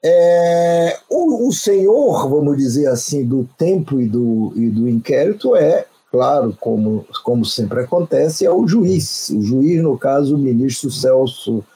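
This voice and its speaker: A man giving measured political analysis on a discussion panel, explaining step by step and often restarting his sentences. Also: mid-range voice, animated, warm tone, breathy edge, poor audio. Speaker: political commentator.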